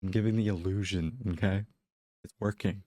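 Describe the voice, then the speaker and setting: A man's voice: low-pitched, fairly even intonation, normal speed, dark tone, no echo. A man with a cold and a nasal, stuffy voice, giving a casual game walkthrough voice-over with unsure, hedging asides. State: congested from a cold. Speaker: gaming channel host.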